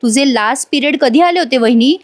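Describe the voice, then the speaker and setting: Woman reading a calm young male doctor, direct questions, plain voice. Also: high voice, brisk, natural voice.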